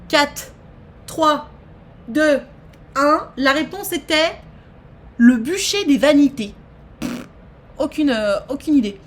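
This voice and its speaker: A woman, hosting a trivia quiz on a live stream and chatting with her viewers in a lively, exclamatory way. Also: high voice, slight background noise. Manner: animated, exclaims and reads questions aloud to chat. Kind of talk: casual live-stream chat.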